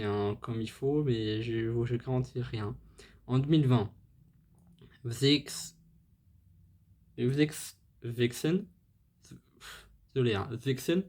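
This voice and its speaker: A slightly mellow, medium-pitched man hosts a music channel and casually recounts a band's story. Enthusiastic about the music, he's also hesitant, with frequent fillers and restarts, and apologizes as he stumbles on foreign names.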